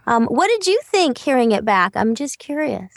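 A woman's voice: on the high side, big pitch swings, normal speed, no room sound, clean studio sound. A woman coaching a voice actor on a podcast, giving encouraging feedback and asking questions. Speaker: voice-over coach.

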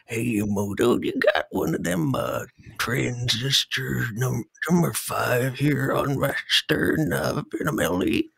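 A man putting on the voice of a rambling elderly pinball owner phoning in from assisted living for a spare part, halting and wavering. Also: medium pitch, expressive, gravelly, fairly bright tone, breathy edge, no room sound, heavily acted. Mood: pleading. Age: older.

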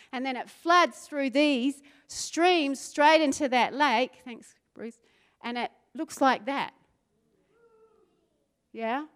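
A woman's smooth voice sits high as she preaches in a New Zealand accent. Conversational asides and questions to the congregation give way to fervent stretches of rising intensity.

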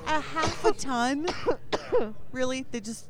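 A woman's voice: high voice, slow, crowd noise. A woman in casual comedy podcast banter, giggling and sounding incredulous.

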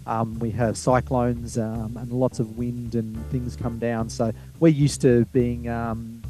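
A man's voice: medium pitch, monotone, slow pace, dark tone, soft background music. A man with an Australian accent answering informally as an interview guest, enthusiastic and explanatory.

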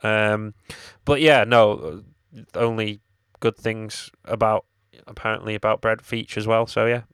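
A man's voice: lowish voice, steady tone, unhurried, a bit bright, clean tone, dry recording. A man co-hosting a casual podcast, teasing in a dry way. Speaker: podcast co-host.

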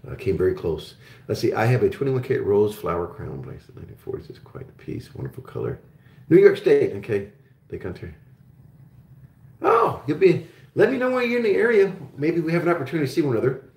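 This host's mid-range voice is creaky and darkish, very animated and quick as he chats casually on his live call-in show about metals and resource stocks. Born in Germany and brought up in Oklahoma, he rambles with constant fillers and restarts, with roomy echo in the recording.

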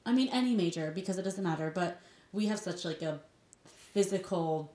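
A young woman co-hosting a casual podcast chat, playful and quick to laugh. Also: lowish voice, expressive, dark tone, reverberant. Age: young adult. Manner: giggly, playful. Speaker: podcast co-host.

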